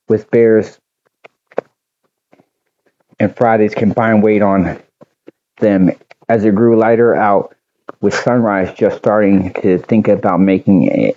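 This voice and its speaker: Male storyteller, lowish mellow voice, measured reading, dull lo-fi sound. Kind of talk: storybook audiobook narration.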